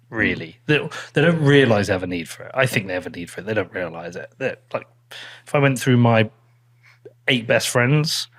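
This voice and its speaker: A man, hosting a casual interview, who talks bluntly, swears casually and keeps asking curious questions. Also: mid-range voice. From England. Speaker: podcast host.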